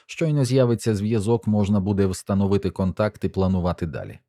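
Earnest, sleep-deprived director, read by a man, low and mellow. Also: lively intonation, a little fast, no room sound, clean studio sound. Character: tired, earnest male mission director.

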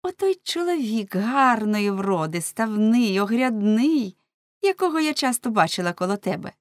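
A woman's voice: fairly high pitch, very animated, moderate pace, no room sound, studio quality, pitched above the performer's own voice. A woman voicing a devout young servant girl in an audiobook, talking in an earnest, pleading way.

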